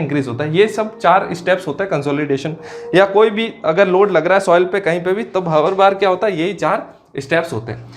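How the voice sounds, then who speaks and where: High-pitched man teaching a lecture. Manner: asks questions and answers them himself, repeating key terms slowly; drops to low, quiet asides on filler words. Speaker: civil engineering exam teacher. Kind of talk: classroom lecture.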